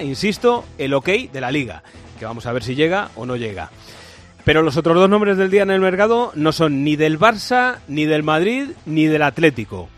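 A man with a Spanish accent hosting a night sports radio show, reading the day's football news with brisk, wry delivery into a studio microphone. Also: fairly high pitch. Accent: Spanish (Spain). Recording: dry studio sound.

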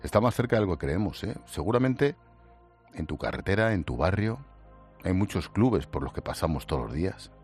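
A man's voice: deep voice, lively intonation, fairly quick, a little mellow, breathy edge, faint music behind. A male radio presenter with a Spain Spanish accent, reading news narration and asking earnest, pointed questions. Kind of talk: scripted news narration and interview.

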